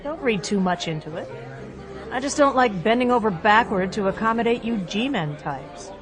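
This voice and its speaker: A woman's voice: a little high, lively intonation, normal speed, over music, crowd noise, lightly acted. An actress playing a flirtatious, breezy and self-assured female agent in an audio drama, with a playful, teasing delivery.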